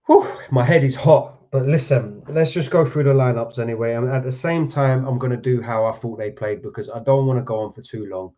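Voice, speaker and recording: Streaming from home, a football channel host angrily reacts to a match, swearing and ranting out of frustration. His warm, medium-pitched voice runs a little fast with few pauses, and the audio is dull and lo-fi.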